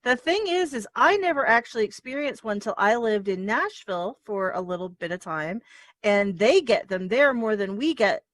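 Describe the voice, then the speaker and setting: A woman hosting an interview show, effusive and animated, often laughing. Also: medium pitch, moderate pace, dry recording. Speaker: host. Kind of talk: casual interview chat.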